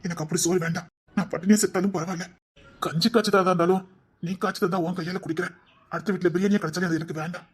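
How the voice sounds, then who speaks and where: A man's voice: high voice, steady tone, slightly rough. A man playing an aggrieved husband who scolds and then pleads with his wife in a web drama. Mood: wounded pleading. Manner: reproachful, rapid nagging with repeated "di".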